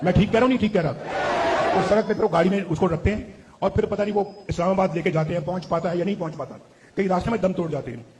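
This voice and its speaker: A man's voice: sits high, racing, heavy background noise. A politician addressing a crowd, asking rhetorical questions of his listeners. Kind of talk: public speech.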